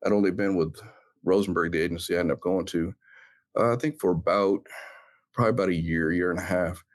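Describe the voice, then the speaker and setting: A middle-aged man with a low, deep voice recounts a personal story in a sit-down interview. He speaks earnestly and reflectively, often pausing on "uh" and restarting his sentences as he works through the memory. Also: steady tone. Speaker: interview guest, founder of a law enforcement brand.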